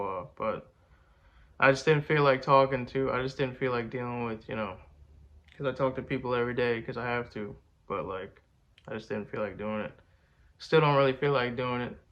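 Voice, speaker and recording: A rapper who hosts videos talks casually to the camera in a laid-back, slangy, rambling style. His voice is medium-pitched and congested, and the audio sounds dull.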